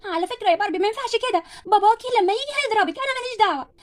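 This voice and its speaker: A woman's voice: very high voice, lively intonation, very fast. A woman doing Stacie, preachy little sister. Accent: Egyptian. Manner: preachy, warning. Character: tattling goody-goody sister doll.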